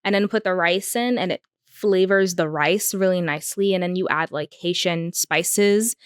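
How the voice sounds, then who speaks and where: Smooth-voiced young woman, casual and chatty. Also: lowish voice, normal speed, no echo, clean studio sound. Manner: chatty, lots of "like" and "um" fillers. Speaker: podcast co-host. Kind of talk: casual chat.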